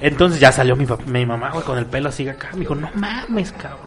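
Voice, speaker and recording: A young man with a Mexican accent, telling a story as a podcast co-host in slangy, animated chat. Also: medium pitch, very fast. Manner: slangy, animated, laughs often, acts out voices in his story.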